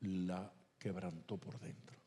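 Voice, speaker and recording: A man's voice: deep voice, slow. A man answering questions at a church men's meeting, telling stories and acting out the voices of the people in them. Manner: animated storyteller, acts out voices. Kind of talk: Q&A talk at a church men's event.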